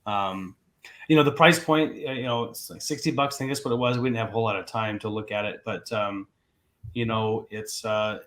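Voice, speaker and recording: A man's voice: fairly low pitch, a little fast, fairly bright tone, reverberant, slight background noise. A man hosting a podcast who speaks loosely with lots of fillers and readily agrees with his co-hosts. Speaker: podcast host. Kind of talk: casual discussion.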